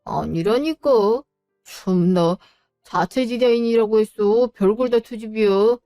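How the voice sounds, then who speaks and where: A woman's voice: fairly high pitch, unhurried, dark tone, dry recording, clean studio sound, faint music behind. A woman voicing a defensive, irritable husband who brushes off his wife's questions, in an audio drama story. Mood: annoyed. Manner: evasive, snappish, brushes off questions. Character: defensive irritable husband, middle-aged man.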